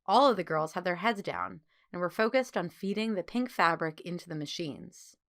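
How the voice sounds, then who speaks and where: Reading a children's story for an audiobook, a female narrator uses clear phrasing and an expressive delivery. She has a lowish voice and talks at normal speed.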